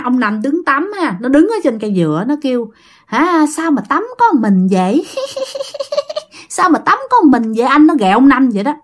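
Lively woman storyteller. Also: a little high. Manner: chatty, addresses listeners directly, laughs. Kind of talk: casual ghost story telling.

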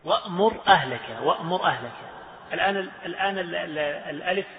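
Male teacher with a slightly high voice. He walks through recitation rules, repeats examples and quizzes the class, recorded in an echoey hall through a tinny line. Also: lively intonation, quick pace, crowd noise. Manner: repeats examples, chants verses, asks students questions. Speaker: sheikh teaching Quranic recitation. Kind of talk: classroom lesson explaining Quranic recitation rules.

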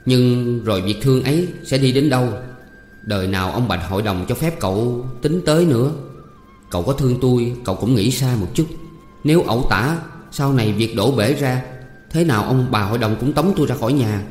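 Man voicing a timid young maidservant, Southern Vietnamese accent, worried, protesting softly; echoey, faint music. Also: medium pitch, animated, a little fast, natural voice. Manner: hesitant, worried pleading. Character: young female servant girl, shy and anxious. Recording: roomy reverb, faint music.

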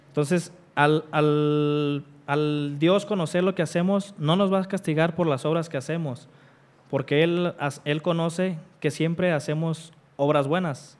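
A man delivering a sermon, his voice pitched a little high and smooth, with a clean, resonant tone. He drives home each repeated refrain with rising force. When he reads scripture, he slows into deliberate, measured pauses. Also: fairly even intonation. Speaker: preacher.

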